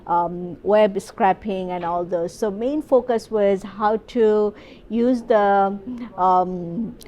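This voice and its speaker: A woman's voice: medium pitch, takes it slowly, mellow. Hesitant woman researcher. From Bangladesh. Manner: hesitant, many fillers and restarts. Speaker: professor and AI researcher. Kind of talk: conference interview.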